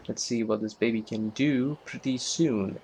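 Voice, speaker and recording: A man's voice: mid-range voice, measured pace, gravelly, a little mellow, slight background noise. A man giving casual, rambling let's-play commentary on a strategy game, with lots of fillers and self-deprecating asides. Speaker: gameplay commentator.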